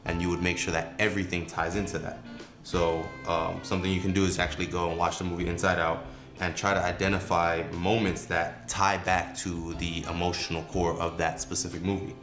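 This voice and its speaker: A man, a creative director, explaining storytelling tips in a relaxed, casual way, with frequent "you know" and "um" fillers. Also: low-pitched, fairly quick. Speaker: creative director and video host. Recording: echoey room with music underneath.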